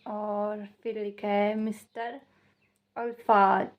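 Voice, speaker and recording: A woman's voice: mid-range voice, level tone, takes it slowly, lo-fi sound. A young woman from Uttarakhand chatting casually in a vlog, reading out viewer questions and answering them in a rambling, repetitive way. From Uttarakhand, India. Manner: chatty and rambling, repeats herself, laughs at the questions. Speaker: vlogger.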